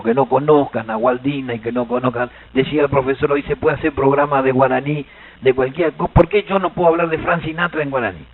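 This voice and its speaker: A man with an Argentine Spanish accent giving a lively seminar lecture as a Guaraní language teacher, joking and quizzing the audience. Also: mid-range voice, creaky, narrow, tinny audio. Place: seminar hall.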